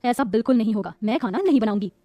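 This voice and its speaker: A woman's voice: on the high side, lively intonation, very fast, dark tone. A woman voicing a stubborn, spoiled young bride in a cartoon story who talks in a petulant way. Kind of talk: Hindi cartoon voice acting.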